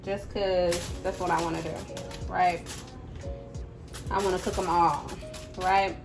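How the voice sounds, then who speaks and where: A woman's voice: on the low side, level tone, measured pace. A woman chatting casually as she cooks in her home kitchen, often adding "right?" and "y'all". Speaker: home cooking vlogger. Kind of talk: casual cook-along chat. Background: background music.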